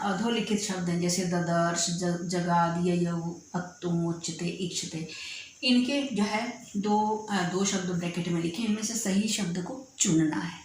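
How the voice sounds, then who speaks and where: A woman teacher explaining a grammar lesson patiently, often checking that students follow. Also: medium pitch. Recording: very echoey room with faint noise.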